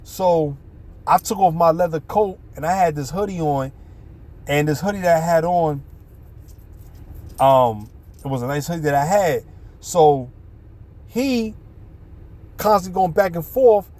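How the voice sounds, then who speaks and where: A man with a New York City accent telling a personal story in a casual, animated way, full of street slang and swearing. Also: fairly high pitch, unhurried, long pauses.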